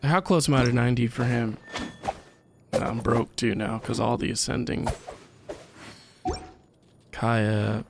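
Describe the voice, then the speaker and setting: Behind the game music, a livestream host playing a video game rambles and thinks aloud to viewers, taking long pauses. His medium-pitched voice is creaky and slow, and there's background noise.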